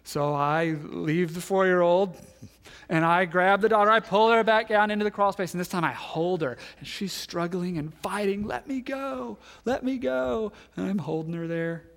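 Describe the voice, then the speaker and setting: A man in his thirties, a pastor giving a sermon, telling a story and acting out the voices in it, then dropping to hushed tones. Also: high-pitched, fairly even intonation, moderate pace. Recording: long hall reverb.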